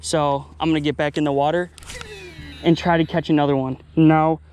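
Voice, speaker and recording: A man vlogging outdoors by a pond, talking excitedly and a bit out of breath straight to his viewers. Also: fairly high pitch, moderate pace, a little hiss or hum. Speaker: fishing vlogger. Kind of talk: casual outdoor vlog narration. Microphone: action camera.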